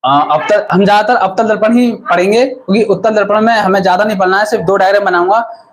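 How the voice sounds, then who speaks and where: During a live online stream, a man with a fairly high voice teaches physics at a quick pace, quizzing viewers by asking a question, answering it himself, and repeating the key term so they can note it down. The audio quality is poor.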